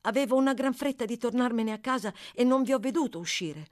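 A woman's voice: a little high, fast talker, a little mellow, voice pushed up, close to an everyday voice. A woman voicing a timid young orphan boy for an audiobook, polite and stammering apologies. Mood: apologetic.

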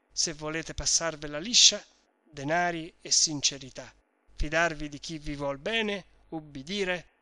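A man's voice: fairly high pitch, sharp tone, dry recording. A man voicing a pompous, evasive middle-aged lawyer who lectures and blusters in a storybook reading.

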